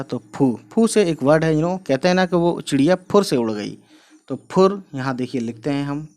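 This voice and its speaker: A male teacher gives a relaxed online writing lesson. He speaks at an ordinary middle pitch and keeps up a friendly running explanation while he writes. He leans on casual fillers to address his viewers. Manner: chatty, repeats "you know" and "guys", explains while writing. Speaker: Urdu script teacher.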